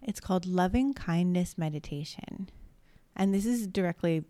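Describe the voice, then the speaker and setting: Mellow woman podcast host, close and dry. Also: fairly low pitch, moderate pace, no echo. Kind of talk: casual podcast talk and guided meditation reading.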